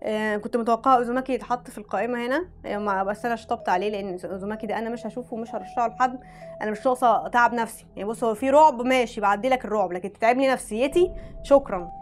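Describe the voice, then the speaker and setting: A woman's voice: a little high, rapid-fire, faint music behind. A woman with an Egyptian Arabic accent, chatting frankly as a vlogger, often breaking off mid-word and starting again. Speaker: anime vlogger. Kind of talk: casual chat reading out recommendations.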